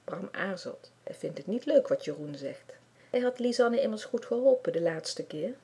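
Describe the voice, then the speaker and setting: Lady reading a kids storybook out loud, mellow voice, kinda breathy. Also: medium pitch, moderate pace. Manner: expressive, lively storybook reading. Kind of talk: reading a children's story aloud.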